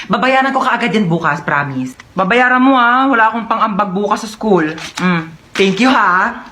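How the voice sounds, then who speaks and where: A woman's voice: on the high side, fairly bright tone, reverberant, slight background noise. Playful woman bantering in a comedy skit. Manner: playful, teasing back-and-forth banter. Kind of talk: comedy sketch acting out family scenes.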